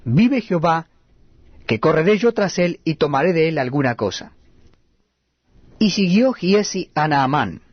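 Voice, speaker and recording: A man reading scripture aloud at a steady, measured cadence. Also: a little high, husky, dry recording, muffled recording. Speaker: Bible reader.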